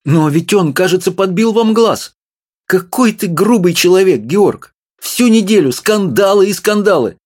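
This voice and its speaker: A man reading an audiobook and voicing a small, excitable older woman who scolds in a shrill voice. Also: measured pace. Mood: indignant scolding.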